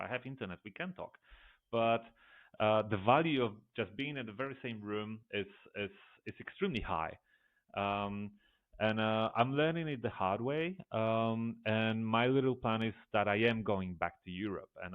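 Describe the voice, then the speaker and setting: A man hosts an interview, stumbling over repeated words as he works toward his questions. His voice sits low. The line is tinny and phone-like, with a dry sound. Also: dry recording. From Poland. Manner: stammering repeats, animated questioning. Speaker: podcast host. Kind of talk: casual interview conversation.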